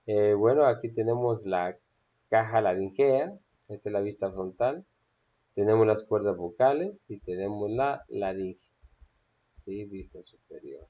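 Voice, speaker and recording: A male instructor teaches a public speaking class, hesitating often with frequent "eh" fillers and checking in with students by asking "¿sí?". His voice is fairly low and a little slow. The audio is narrow and tinny.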